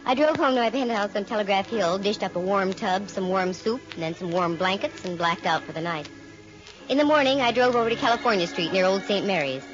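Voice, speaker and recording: An American actress plays a sharp-witted, wisecracking female private detective in the style of 1940s-50s radio drama, delivering wry, breezy first-person narration. Her natural, medium-pitched voice moves a little fast, and the vintage radio recording is muffled, with music.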